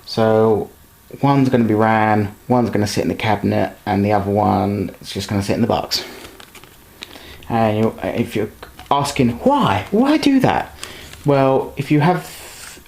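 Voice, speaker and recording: A man unboxes model trains in a casual, rambling way, correcting himself as he handles each piece. His voice sits on the low side and is a little mellow, with a measured pace. There's a slight hiss or hum in the recording.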